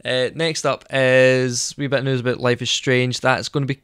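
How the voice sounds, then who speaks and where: A man with a smooth, clear voice chats loosely on a podcast, wandering through his points with plenty of ums and likes. The sound is dry and close, with no room around it. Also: mid-range voice, flat delivery, normal speed, a bit bright, no room sound. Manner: rambling, hesitant, many fillers. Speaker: podcast co-host. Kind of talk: casual chat.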